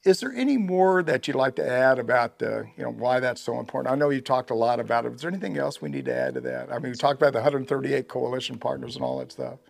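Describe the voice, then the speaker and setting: An older man hosting an interview, talking in a halting way with many repeated words. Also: mid-range voice, creaky. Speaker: podcast host. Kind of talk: casual interview.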